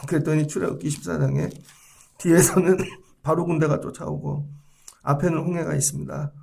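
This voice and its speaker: High, gravelly-voiced man preaching. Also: normal speed. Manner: lively preaching, acts out quoted voices, jumps between loud and hushed. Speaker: pastor. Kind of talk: dawn service sermon. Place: church sanctuary.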